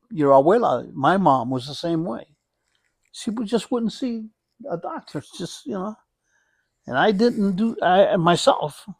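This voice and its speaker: Halting, higher-voiced man in a dry room. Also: darkish tone, no echo. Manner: halting, repeats and rephrases phrases, often checks "you know". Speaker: hospice nurse being interviewed. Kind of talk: conversational interview, personal reflection.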